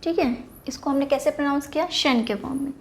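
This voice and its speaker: High-voiced woman teaching spelling. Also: fast, a little hiss or hum. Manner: explains step by step, poses questions then answers them; mixes English words into Hindi teaching. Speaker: English teacher. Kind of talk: spelling and pronunciation lesson.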